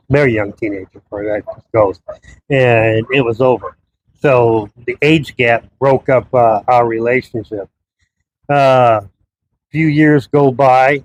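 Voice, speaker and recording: A man's voice: medium pitch, a little hiss or hum, low-quality recording. Man, 50s, solo vlogger; loose, conversational, meandering delivery at home. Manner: rambling, conversational storytelling. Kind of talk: casual personal monologue. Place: his townhouse abroad.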